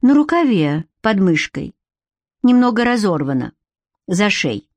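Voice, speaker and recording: A woman's voice: mid-range voice, very animated, measured pace, darkish tone, dry recording. A woman reading the part of a cold, cynical Viking warrior who curtly orders his captive about. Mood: cold commanding. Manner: curt, coolly commanding, cynical.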